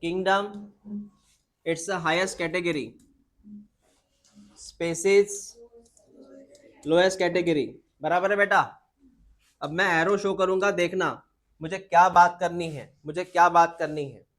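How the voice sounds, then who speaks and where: High-voiced man teaching biology. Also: fairly even intonation, takes it slowly, long pauses. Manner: repetitive, asks students questions. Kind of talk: classroom teaching.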